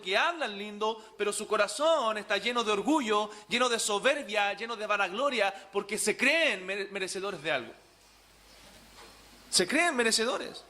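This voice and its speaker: A man's voice: high-pitched, bright, forceful tone. A man, a pastor preaching a sermon in church with emphatic repetition and rhetorical questions to the congregation. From Chile.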